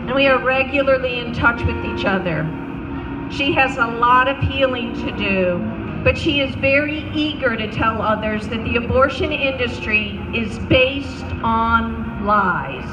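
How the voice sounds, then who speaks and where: Slow, solemn woman giving a speech. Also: a little high, music in the background. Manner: solemn, deliberate storytelling. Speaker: public speaker, anti-abortion counselor. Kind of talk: prepared memorial speech. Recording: roomy, distant mic, noisy ambience.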